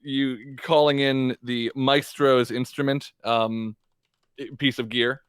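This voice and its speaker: A man playing a tabletop game, explaining his moves casually and haltingly as he thinks aloud. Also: mid-range voice, fairly even intonation, fairly bright tone, smooth, no room sound, clean studio sound.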